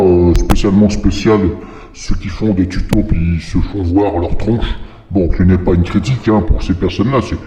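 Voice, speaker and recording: A man explaining software in a casual, rambling tutorial, his voice run through a demon voice-changer filter. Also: low voice, voice pushed down. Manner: rambling and digressive. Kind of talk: casual screen-recorded tutorial. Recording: echoey, long reverb, dull lo-fi.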